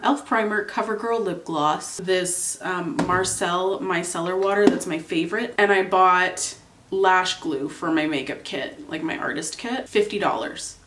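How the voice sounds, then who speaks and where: A young Canadian woman with a lowish, fairly bright voice sounds congested and nasal from a cold. She's a beauty vlogger chatting casually as she does her makeup, rambling along with plenty of filler, and the room sounds roomy.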